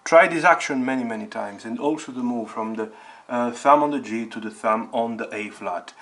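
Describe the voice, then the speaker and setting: Man, piano teacher, patient, middle-pitched voice, step-by-step explaining. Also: fairly bright tone. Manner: patient, explains slowly and repeats key points; names notes and fingerings aloud.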